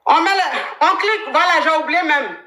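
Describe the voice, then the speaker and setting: Woman live-stream coach, high pitch, bright tone, echoey room sound, animated. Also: moderate pace. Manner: animated, thanks viewers by name. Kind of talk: casual live-stream advice chat.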